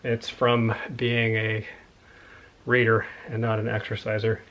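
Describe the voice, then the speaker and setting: A man's voice: on the low side, completely flat delivery, unhurried, fairly bright tone, highs cut off. A man in a casual, rambling chat about books he has found, enthusiastic and a little out of breath. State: slightly out of breath. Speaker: book collector showing a haul.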